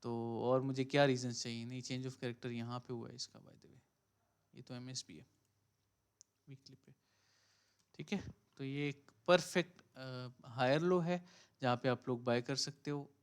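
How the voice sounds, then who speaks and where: A man's voice: medium pitch, fairly even intonation, unhurried, clean tone. A man hosting a live stream, talking casually through trading charts and thinking aloud, often mixing in English phrases. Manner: casual, thinks aloud, many fillers and "ठीक है"; mixes Hindi-Urdu with English phrases. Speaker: crypto trading mentor.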